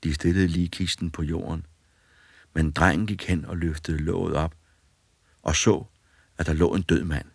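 Deep-voiced male storyteller, dry and close. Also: creaky, husky, no room sound. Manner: calm, measured storytelling. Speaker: narrator. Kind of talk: audiobook fairy tale narration.

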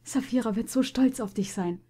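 A woman's voice: a little high, normal speed, warm tone, slightly rough. Woman putting on a playful grandfather stallion, affectionate, cheerful, storybook horse. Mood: warm.

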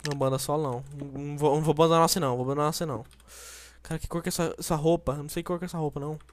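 A man giving excited, jokey commentary while playing a building game with a friend. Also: fairly high pitch, very fast, a little hiss or hum. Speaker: gameplay commentator. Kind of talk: casual let's play chat.

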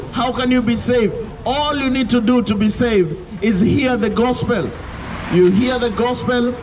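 A young man preaching insistently on a street pavement through a handheld mic and speaker, heard from a distance with traffic around. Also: very high voice. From Kenya. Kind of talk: open-air street preaching. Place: roadside pavement outdoors by traffic. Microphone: handheld mic into portable speaker, filmed from afar. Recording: distant outdoor street recording with traffic noise.

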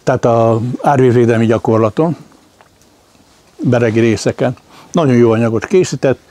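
A man's voice: mid-range voice, dark tone. A man giving a lecture on speech intonation, demonstrating example questions aloud.

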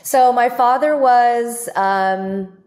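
A woman's voice: on the high side, extremely slow, darkish tone. A woman doctor as a podcast guest, talking reflectively in a casual conversation with frequent fillers. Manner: reflective, talks with many fillers and "like".

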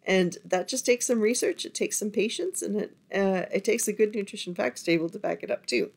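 A middle-aged woman instructor talks through a recorded lesson, her voice worn and going from overuse. She sounds encouraging and chatty, with the odd filler. Her pitch sits in the middle of the usual range for a woman. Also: normal speed, a little mellow. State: losing her voice. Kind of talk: lecture over screen recording.

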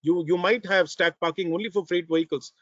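An older man with an Indian accent, answering panel questions on a video call in a hesitant, measured way as a professor. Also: high-pitched, steady tone, no room sound. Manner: hesitant, measured, repeats words. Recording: dull, dry video-call audio.

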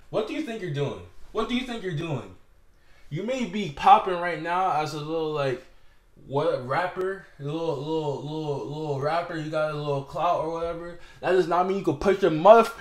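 Young guy yelling a rant at his camera, swears a lot, kinda high voice, echoey room. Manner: heated, profane, repeating himself. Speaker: vlogger.

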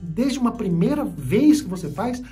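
Woman, Brazilian accent, English teacher, mellow tone, faint background music. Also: medium pitch, sing-song, normal speed. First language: Portuguese. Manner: explains with many repetitions and restarts. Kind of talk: online English lesson.

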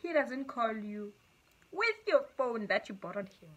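A young South African YouTuber with a South African accent reads her viewers' stories aloud, reacting animatedly with frequent laughter and mixing English with Xhosa. Her voice is fairly high and unhurried, with a noisy background.

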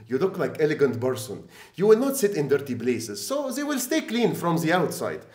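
Guy doing an egyptian seller, smooth talker, teasing, echoey room. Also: on the high side, sing-song, moderate pace, a little mellow. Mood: flattering, teasing. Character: smooth-talking, teasing Egyptian male trousers salesman. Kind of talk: comedy sketch.

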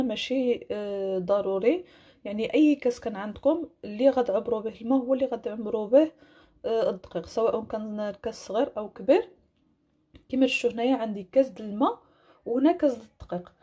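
Fast-talking Moroccan woman, soft husky voice. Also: fairly high pitch. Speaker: home cook presenting a recipe. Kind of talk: casual cooking tutorial narration.

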